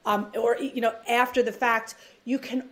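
A woman's voice: fairly high pitch, fairly even intonation, moderate pace. A woman with a New York accent, a divorce mediator talking in a rambling, chatty way on a podcast interview. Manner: chatty, rambling, self-deprecating laughs.

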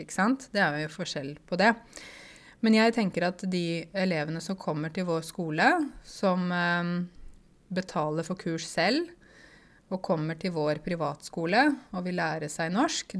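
A woman with a somewhat low voice talks casually to her viewers about running a language school. She explains patiently, pausing often with fillers as she searches for words. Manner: hesitant, many fillers, explanatory. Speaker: online language school owner. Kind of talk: casual monologue answering viewer questions.

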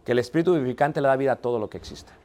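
Speaking rapid-fire in a mellow, mid-range voice, a man teaches theology as a Bible teacher. He quizzes the class, checks that everyone is keeping up, and answers his own rhetorical questions.

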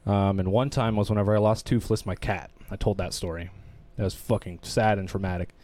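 A young man talks candidly on a podcast, his voice sitting a little low. He rambles and swears freely, circling back as he tells the story. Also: fairly even intonation, fairly quick, mellow, no echo. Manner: rambling, profane, emotional storytelling. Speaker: podcast co-host. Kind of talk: candid casual podcast chat.

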